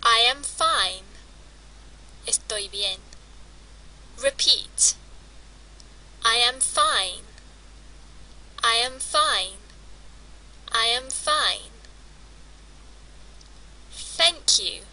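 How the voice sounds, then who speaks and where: A woman teaching English to Spanish speakers in a scripted lesson, drilling words with slow, clearly spaced repetitions. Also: fairly high pitch, animated, pushed and bright, distant mic, low-quality recording. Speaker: language teacher.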